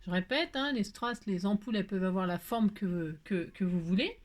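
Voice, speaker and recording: Here a woman speaks at medium pitch and a slightly quick pace while hosting a casual card tutorial. Chatty and self-deprecating, she laughs a lot and leans heavily on fillers as she guides viewers along.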